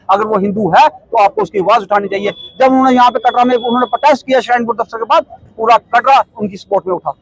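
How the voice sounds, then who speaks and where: A middle-aged man speaks fervently in a husky, very high voice. He rushes along, piling up rhetorical questions and repeating himself as he argues his committee's case. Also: dry recording, poor audio. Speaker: protest committee member. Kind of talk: impassioned phone-in statement.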